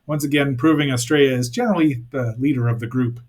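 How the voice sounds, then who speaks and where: A man's voice: medium pitch, fast talker, soft background music. A man hosting a podcast, giving a casual recap and commentary with wry, hesitant asides. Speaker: podcast host.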